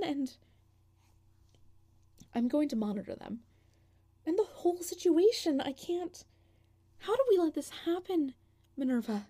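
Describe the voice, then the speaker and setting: A woman's voice: high voice, dark tone. A woman voicing an anguished guardian who brings lost people home, stammering, pleading and dropping into whispers in an audio drama monologue.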